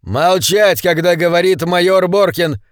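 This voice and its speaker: Reading an audiobook, a man voices a menacing, hostile armed gang member barking threats and orders, pitching himself above his own voice while staying close to everyday speech. The delivery is somewhat high and lively at a normal speed. The recording is clean studio sound with no room echo.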